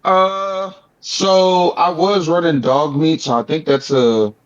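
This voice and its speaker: A man appearing as a guest on a casual podcast, recounting his experiences in a relaxed, easygoing way. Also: fairly high pitch, takes it slowly. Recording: dull, lo-fi sound.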